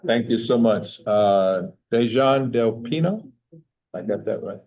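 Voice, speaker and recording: A man chairs a public meeting, speaking briefly and politely. His voice is mellow and he talks slowly as he calls each speaker. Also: medium pitch, lively intonation, low-quality recording.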